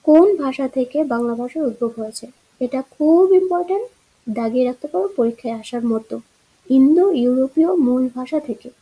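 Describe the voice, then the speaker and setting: Woman, high voice, mellow tone, classroom grammar lesson. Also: slightly rough, rough recording. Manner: explains answer choices, asks rhetorical checks. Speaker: teacher. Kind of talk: exam-prep grammar lesson.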